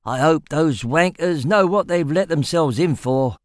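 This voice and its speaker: A man's voice: fairly high pitch, measured pace, no echo, clean studio sound, voice pushed up, lightly acted. A man voicing a coarse, scornful male convict who talks crudely.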